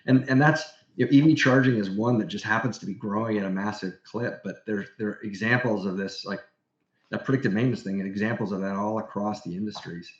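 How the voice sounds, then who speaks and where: A man with a low voice talks enthusiastically as an industry guest on a casual podcast. The sound is roomy and a little dull, as if it were recorded in an untreated room on a modest mic. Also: quick pace. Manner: enthusiastic, explanatory.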